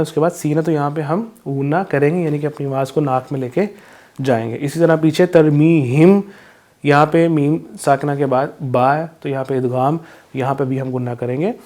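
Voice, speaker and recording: A man with a Pakistani accent teaching children recitation rules, explaining step by step and then reciting verses slowly and drawn out. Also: on the high side, darkish tone. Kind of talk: Quran recitation lesson for children.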